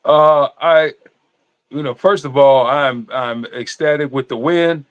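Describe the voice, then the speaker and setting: Halting man in casual sports chat, close-sounding. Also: on the high side, clean tone, no room sound, narrow, tinny audio. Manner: halting, repeats words and phrases. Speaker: sports podcast co-host and former player.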